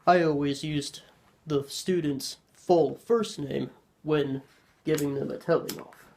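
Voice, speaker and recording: A man narrating a horror story in a measured storytelling manner. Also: fairly high pitch, fairly even intonation, creaky, a little mellow.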